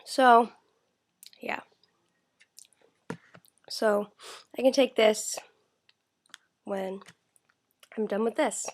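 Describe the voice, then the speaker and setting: A woman's voice: on the high side, fairly even intonation, extremely slow, long pauses, a little hiss or hum. A young woman at home, rambling through a casual video diary while feeling unwell and tired, with lots of fillers and some talking through food. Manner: rambling, many fillers, talks while eating. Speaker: vlogger. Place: at home, indoors.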